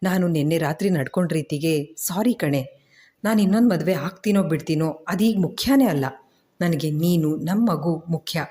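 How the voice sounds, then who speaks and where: A woman's voice: low-pitched, moderate pace, warm tone, slightly rough. A woman reading the part of a loving, troubled young husband in an audio story, earnest and pleading. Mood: tender.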